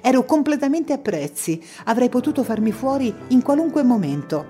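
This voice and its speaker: A woman giving measured, dramatic first-person audiobook narration. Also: a little high, big pitch swings, dark tone, faint music behind. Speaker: audiobook reader.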